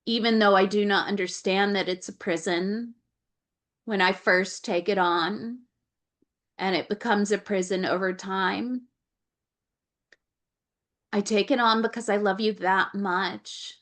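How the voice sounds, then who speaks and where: A woman channels an Akashic Records reading on a video call in a medium, slightly bright voice with fairly even intonation. She speaks a little slowly with frequent pauses, relays her guides' words, repeats phrases, and stops to question them.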